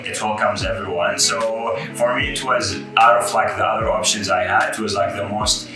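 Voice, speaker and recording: A young Iraqi man whose first language is Arabic chats casually as an interview guest, speaking in a low, relaxed voice at a moderate pace with lots of fillers and restarts. The recording has a roomy echo, and guitar music plays clearly behind him.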